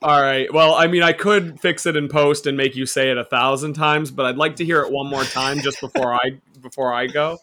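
Guy hosting a podcast, jokey and teasing, average pitch. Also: steady tone, bright, forceful tone. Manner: joking, teasing, quick laughs. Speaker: podcast host. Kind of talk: casual podcast chat.

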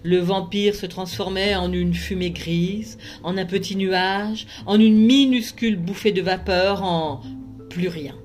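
A woman, a librarian, reading a children's storybook aloud with measured, expressive narration. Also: mid-range voice, faint music behind.

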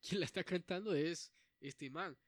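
A young man co-hosting a casual chat, animated and quick to laugh, often acting out the lines he talks about. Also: fairly high pitch, no echo, clean studio sound. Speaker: podcast co-host.

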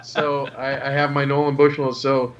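Male, medium pitch, hesitant natural conversational show-and-tell, slightly muffled recording. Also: flat delivery, moderate pace. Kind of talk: natural unscripted talk.

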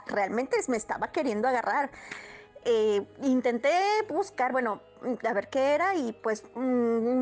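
A woman in her thirties tells a personal story in a loose, meandering way. She often stops to restart her sentences. Her voice sits a little high, with faint music playing behind her. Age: 30s. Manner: rambling, many fillers and restarts. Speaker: guest storyteller. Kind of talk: casual first-person storytelling.

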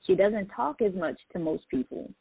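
A woman's voice: medium pitch, normal speed, gravelly, slightly rough, no echo. Woman poet and speaker, casual reflective talk, dry close sound through a phone-like line. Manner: reflective, many "like" fillers. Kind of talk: casual conversation.

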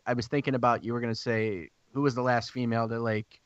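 A man's voice: mid-range voice, little pitch movement, quick pace, dry recording, highs cut off. A man filling in as co-host, rambling and self-deprecating in casual sports chat. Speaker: fill-in co-host.

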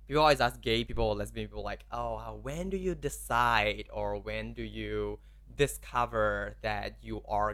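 Bright-voiced young man from Malaysia. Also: mid-range voice, clear, resonant tone. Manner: open, frank, says "like" often. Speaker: podcast guest. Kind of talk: casual podcast chat.

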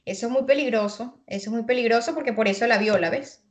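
A woman's voice: on the high side, fast. A woman co-hosting a casual analytical talk, thoughtful, repeating words as she searches for them. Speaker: co-host analyzing song lyrics.

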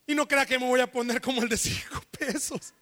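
A married adult pastor preaches a sermon at a church service with impassioned intensity, shouting appeals to the congregation. His voice is very high-pitched with fairly even intonation and a slightly fast pace, trailing a long reverb tail.

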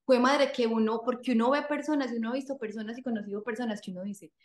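A woman's voice: on the high side, quick pace. Woman, casual interview guest, repeats herself for emphasis, echoey room. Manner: animated storyteller, repeats phrases for emphasis.

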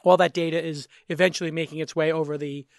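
A man's voice: on the high side, level tone, fast, vocal fry, no echo, studio quality. A man acting as host and judge, giving live feedback and probing with plain-worded questions.

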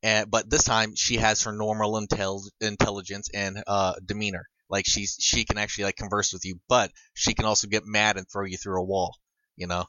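A man with a bright, clear-edged voice chats on a podcast in a halting way, often restarting his sentences. The recording is dull and lo-fi, with a dry sound and no room echo. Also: on the low side, flat delivery. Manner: halting, many restarts while recounting comic lore. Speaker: podcast co-host. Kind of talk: casual chat.

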